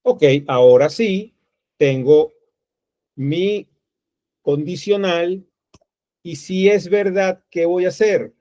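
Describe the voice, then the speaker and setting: A man's voice: high-pitched, slow, pauses often, dark tone, no echo. A man teaching a programming class, thinking aloud step by step while he types code. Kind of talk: screen-recorded coding tutorial. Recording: dull, lo-fi dry recording.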